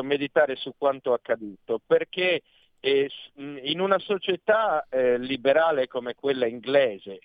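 A man speaking as a guest commentator over a phone line, arguing earnestly and pausing often with fillers. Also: mid-range voice, no room sound. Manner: earnest, argumentative, pauses with many fillers. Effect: heard over a phone line. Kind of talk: radio talk interview. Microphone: telephone.

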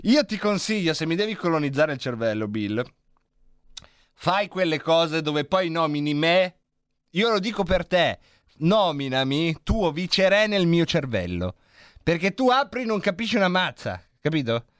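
A man runs a radio show and rambles through a playful, jokey monologue into a studio microphone. His voice sits a little high for a man and sounds smooth and resonant. The sound is close and dry. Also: very animated, normal speed, no room sound. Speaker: radio host.

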